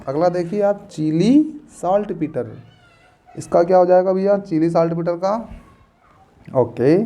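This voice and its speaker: A man's voice: fairly high pitch, dark tone. A man teaching a class, playfully repeating memory tricks and quizzing his students. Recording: dull lo-fi recording.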